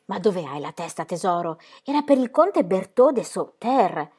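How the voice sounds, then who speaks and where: A woman reading aloud and voicing a proud, sharp-tongued older grandmother who scolds with emphasis. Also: mid-range voice, big pitch swings, moderate pace, slightly rough. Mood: scolding.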